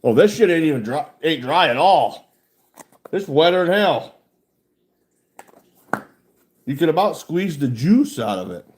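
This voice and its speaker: A man's voice: a little high, big pitch swings, measured pace, pauses often. A man. He talks around a lip full of dip in a blunt, folksy way, with plenty of swearing. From United States. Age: 40s. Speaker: livestreamer chatting with viewers. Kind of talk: casual chat.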